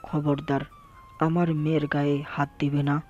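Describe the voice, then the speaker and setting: Man voicing a middle-aged father, firm, measured, flat monotone, muffled audio. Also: a little high, faint music behind, natural voice. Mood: stern.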